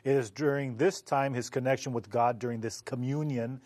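A man's voice: mid-range voice, steady tone, moderate pace, darkish tone, no echo. A man explains the background of a Bible passage in an earnest, storytelling way. His voice sits mid-range and the sound is close and dry. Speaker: Bible study panelist.

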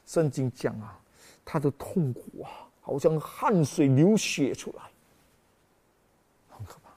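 A man's voice: on the high side, lively intonation, slow, dark tone, slightly rough. A man preaching a Christmas sermon with emotional, dramatic exclamations, often calling out to the congregation as brothers and sisters.

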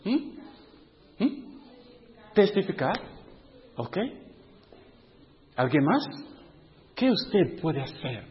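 High-voiced man preaching in an echoing hall. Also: sing-song, drawn-out words, long pauses. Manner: conversational, asks the audience questions, acts out his own inner dialogue. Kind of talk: testimony sermon to youth. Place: church hall with a youth group. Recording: muffled sound with long hall reverb.

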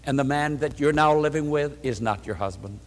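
A male preacher voicing a gentle, kindly teacher in a soft, hushed tone, in a hall with long reverb. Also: mid-range voice, fairly quick, pitched below the performer's own voice, lightly acted.

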